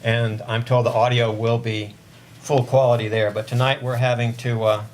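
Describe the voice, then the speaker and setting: Chairing formal board business, a man raises his voice so it carries across the meeting room. His medium-register delivery is even and flat in pitch at a normal speed. The recording is noisy, with meeting room ambience behind him.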